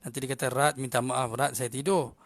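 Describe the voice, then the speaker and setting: A man with a Malaysian Malay accent teaching a language class, patiently repeating words slowly for pronunciation. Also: mid-range voice, steady tone, a bit bright, dry recording. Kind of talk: language lesson.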